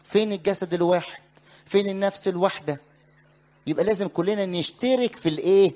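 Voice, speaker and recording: A man with an Egyptian accent preaches to a church group. His voice sits a little high, and he keeps asking questions and waiting for the listeners to finish his lines. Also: fast talker, warm tone. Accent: Egyptian Arabic. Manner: asks the listeners questions and lets them finish his sentences. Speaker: church teacher. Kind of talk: sermon.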